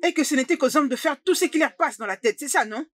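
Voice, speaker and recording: A woman's voice: sits high, animated, fast, dry recording. An actress dubbing a stern, confrontational young woman in a drama, speaking insistently. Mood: angry. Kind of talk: dubbed drama dialogue.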